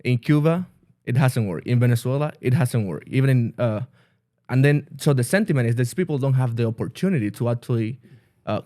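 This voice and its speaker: A man from the Dominican Republic, a pastor and guest, talking earnestly in a halting way with many restarts. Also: mid-range voice, animated, warm tone, no room sound, studio quality. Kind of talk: casual interview.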